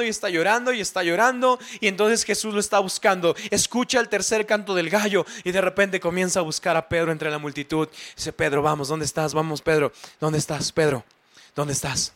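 A man's voice: high-pitched, fairly bright tone. A man preaching a sermon, retelling a scripture story vividly with lots of repetition.

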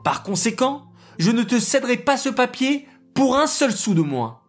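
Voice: medium pitch, sing-song, normal speed, soft background music, pitched above the performer's own voice. A storyteller voicing a poor, stubborn man who insists firmly on his price. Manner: stubborn, emphatic.

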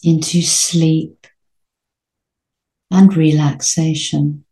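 This meditation guide leads listeners toward sleep with a low, mellow voice that barely moves in pitch. Her short phrases come very slowly and soothingly, separated by long gaps, and a clear echo fills the roomy space around her soft delivery.

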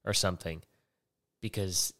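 A man talks alone into his podcast mic, his voice sitting a bit low. He rambles and curses his way through loose, self-mocking chat. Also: steady tone, unhurried, bright, forceful tone, no echo, studio quality. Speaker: podcast host. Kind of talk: casual solo podcast rant. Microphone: headphones and podcast mic.

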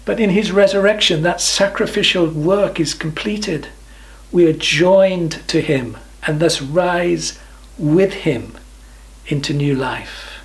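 Gravelly-voiced male preacher reading scripture. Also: a little high, low-quality recording. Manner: reads scripture slowly, trails off softly at phrase ends. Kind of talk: sermon.

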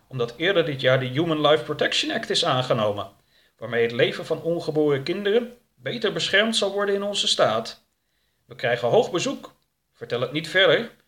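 A man's voice: a little high, fairly bright tone, pitched above the performer's own voice. A man voicing a stern, lecturing male activist. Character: stern, pious middle-aged male activist.

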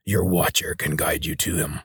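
A man voicing a maimed, weary mutant leader who talks in a hoarse rasp. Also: very deep voice, fairly even intonation, normal speed, fairly bright tone, no room sound, studio quality, pitched below the performer's own voice, heavily acted. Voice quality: hoarse, rasping.

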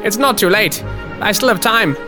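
A man's voice: high voice, expressive, normal speed, over music, pitched above the performer's own voice. A man voicing a giddy, reformed Victorian miser who speaks in a theatrical, overjoyed way.

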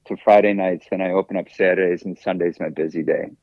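Male track coach guest, low voice, dull lo-fi dry sound, laid-back storyteller with fillers. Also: fairly even intonation, fast talker, no echo. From United States. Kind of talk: casual interview.

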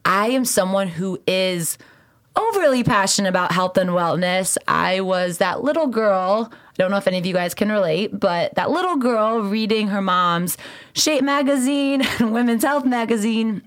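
A woman's voice: medium pitch, lively intonation, moderate pace, no room sound, studio quality. A woman in her twenties hosting a podcast, telling stories casually in an enthusiastic, earnest way. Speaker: podcast host and founder.

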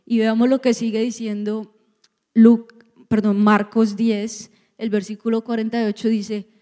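A woman pastor giving a sermon in a church, lively, with joking asides to the congregation. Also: fairly high pitch, unhurried, in a large hall.

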